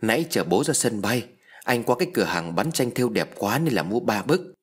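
A carefree young husband who brushes off his wife's fears in a relaxed, breezy tone, as a male storyteller plays him. His voice is slightly husky and moves freely in pitch, told in an audio ghost story. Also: fairly quick. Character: cheerful easygoing young husband.

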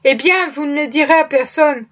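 A woman reading the lines of a nervous, secretive woman servant who confides in a hushed way. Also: sits high, normal speed, lo-fi sound.

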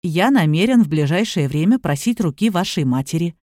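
A woman reading the lines of a calm, authoritative younger man who speaks quietly but firmly. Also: fairly low pitch, a little fast, no echo, studio quality. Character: calm, commanding younger man, protective suitor.

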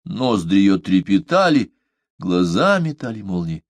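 A man reading a novel aloud as an audiobook narrator, in an expressive, lively manner. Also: low-pitched, unhurried, no room sound.

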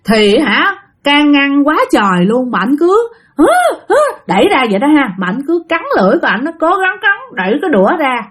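Woman, Southern Vietnamese accent, ghost story narrator, high voice, very lively intonation, speaks to listeners directly. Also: fairly quick. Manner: addresses listeners directly, animated retelling.

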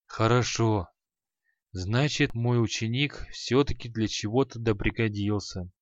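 A man's voice: lowish voice, a little slow, no room sound, dull audio, lightly acted. Man voicing Halai, a grumbling dead old sorcerer. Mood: worried. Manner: grumbling, scornful, muttering. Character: grumpy dead old male sorcerer, spiteful teacher.

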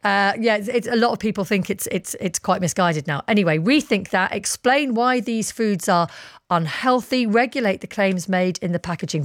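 A woman's voice: fairly low pitch, no room sound, studio quality. A British woman presenting live breakfast radio news and listener discussion. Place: radio studio. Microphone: close studio microphone.

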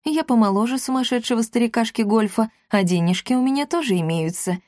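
A woman reading aloud, voicing a sly, scheming young male secretary who speaks in a hushed, conspiratorial way. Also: on the high side, quick pace, no echo, studio quality, voice pushed up, close to an everyday voice.

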